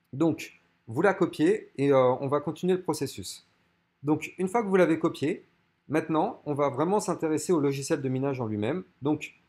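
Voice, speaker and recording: A man's voice: a little high, darkish tone. Casual French-speaking man walking through a tutorial. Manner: informal, explains step by step. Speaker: channel host. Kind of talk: casual screen-recorded tutorial.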